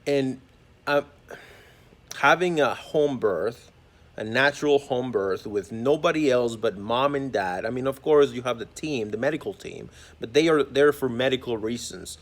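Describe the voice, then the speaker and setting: Earnest guy musing out loud about spiritual stuff, mid voice, keeps restarting sentences. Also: medium pitch, unhurried. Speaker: holistic vlogger. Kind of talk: reflective spiritual monologue.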